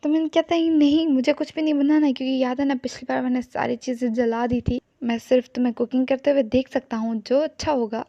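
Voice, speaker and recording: A high-pitched woman walks through a story scene by scene in a casual recap, quoting each character's lines in turn. Her tone is mellow and soft-edged. The recording is dry and a little dull and lo-fi. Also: fairly even intonation, fast, creaky, few pauses, no echo. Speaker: series recap narrator. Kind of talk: casual plot-recap narration.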